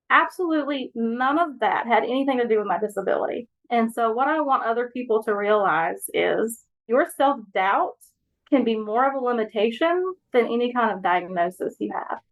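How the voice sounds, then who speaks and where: A woman's voice: on the high side, narrow, tinny audio. A woman from Alabama, a podcast guest speaking earnestly and encouragingly about her own experience. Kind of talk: reflective personal talk.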